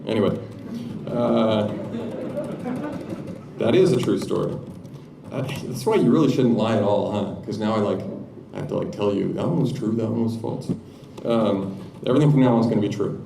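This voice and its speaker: A man's voice: fairly low pitch, moderate pace, creaky, long pauses, echoey room, recorded from a distance, background noise. A man giving a live-coding tech talk at a conference, chatting through his code with joking, self-deprecating asides. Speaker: conference speaker. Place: conference room with audience.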